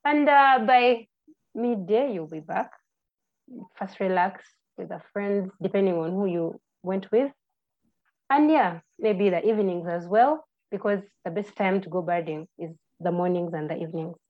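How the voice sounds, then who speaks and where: Ugandan woman, twenties, chatty podcast guest, a bit muffled. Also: mid-range voice. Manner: friendly, halting, with restarts and fillers. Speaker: podcast guest, birding tour guide. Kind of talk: casual interview answers. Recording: slightly muffled lo-fi audio.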